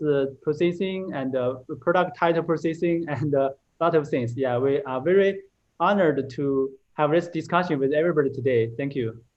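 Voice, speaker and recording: Male industry panelist, fairly high voice, halting non-fluent phrasing, slightly dull recording. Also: a little mellow. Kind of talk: self-introduction at a panel.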